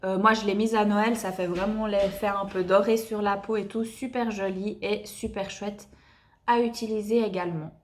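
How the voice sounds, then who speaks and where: A woman's voice: mid-range voice, steady tone, normal speed. A young woman reviewing beauty products in a chatty, enthusiastic way with lots of fillers. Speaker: beauty vlogger.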